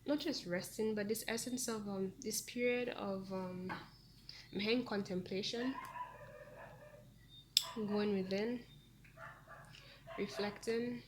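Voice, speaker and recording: A woman's voice: mid-range voice, fairly even intonation, slow pace, pauses often, noisy background. A woman giving a casual tarot reading to her viewers, talking in a chatty, meandering way with frequent ums. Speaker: tarot reader.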